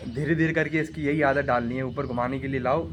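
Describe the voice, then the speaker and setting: A man's voice: mid-range voice, steady tone, fast, a little hiss or hum. A young man with back pain chatting casually to his viewers while filming a home vlog. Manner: chatty, addressing viewers directly. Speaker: vlogger.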